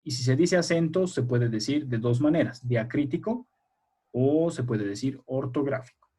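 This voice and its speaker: A man with a dark, mid-range voice and a breathy edge teaches a primary school language class over a video call at a moderate pace. He patiently quizzes his pupils, encourages them, and checks in often with "a ver" and "¿ya?".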